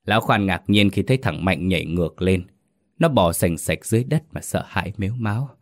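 A man with a very low voice narrates a folk ghost story. He reads slowly and steadily, in a measured storyteller's delivery. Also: expressive.

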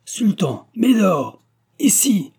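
A man's voice: medium pitch, fairly quick, dark tone, slightly rough, lightly acted. A man doing a stern rugged hunter. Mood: shouting. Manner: stern, threatening.

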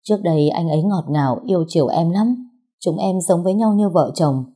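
A woman's voice: on the low side, a little fast, mellow, slightly rough. A woman voicing a tearful, pregnant young woman who pleads with her older sister. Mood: tearful pleading. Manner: sobbing, pleading.

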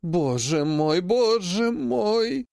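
A man's voice: a little high, big pitch swings, normal speed, dry recording, clean studio sound. A man reading an audiobook, voicing a shrewd, indignant old woman, a great-grandmother and healer who laments dramatically. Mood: lamenting.

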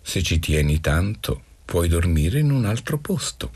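A man's voice: sits low, big pitch swings, unhurried, a little mellow, breathy edge, exaggerated voice. A man reading aloud, voicing a stern young woman who gives curt, commanding orders. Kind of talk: literary radio reading.

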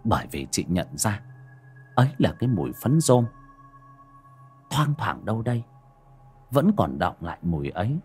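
A man's voice: fairly low pitch, big pitch swings, normal speed, pauses often, darkish tone, slightly rough, soft background music. A man narrating a horror audiobook in a dramatic, suspenseful way. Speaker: storyteller.

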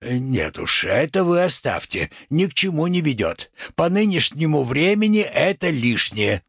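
A man's voice: on the high side, sing-song, measured pace, fairly bright tone, breathy edge, no echo, clean studio sound, heavily acted. A man reading a play aloud, voicing a shrewd, stubborn merchant who talks with sly, homespun deference.

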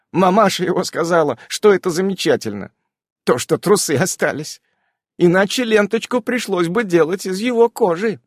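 A man narrating a fantasy audiobook in a lively, dramatic storytelling manner. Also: sits high, no room sound, clean studio sound. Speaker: audiobook reader.

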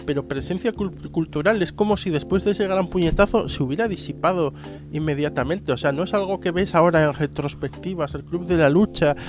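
Higher-voiced Spanish man discussing films. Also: brisk, music in the background. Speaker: podcast panellist. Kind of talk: casual film discussion.

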